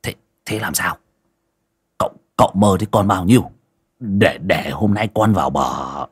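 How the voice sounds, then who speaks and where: A man's voice: deep voice, normal speed, husky. A man voicing a cowardly, mocking old male medium who fawns and wheedles. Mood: wheedling. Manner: fawning, wheedling, comic.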